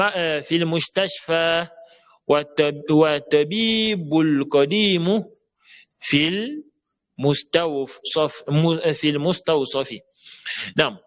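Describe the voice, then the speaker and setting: A man's voice: fairly high pitch, pushed and bright. Patient man teaching a language lesson. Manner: explains patiently, checks understanding often, reads Arabic examples slowly. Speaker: Arabic teacher. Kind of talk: online Arabic grammar lesson.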